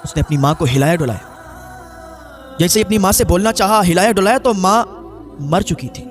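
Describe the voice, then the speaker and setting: High-voiced preacher telling a dramatic tale. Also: male voice, animated, fairly quick, soft background music. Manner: repetitive, dramatic retelling. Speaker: maulana, preacher. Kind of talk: emotional sermon storytelling.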